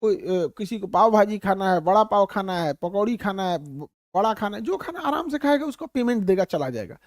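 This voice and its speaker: A man from Bihar with a Bihari Hindi accent, teaching a class in an animated, humorous way and calling his students "babu". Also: high voice, a little fast, no room sound, clean studio sound. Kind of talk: classroom lecture.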